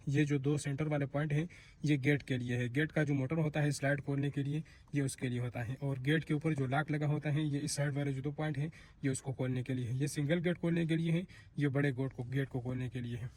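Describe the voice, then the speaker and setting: Working on an installation site, an installer talks through a casual tutorial step by step, often repeating points as he goes. His voice is medium-pitched and a bit mellow, with clear location background noise in the recording.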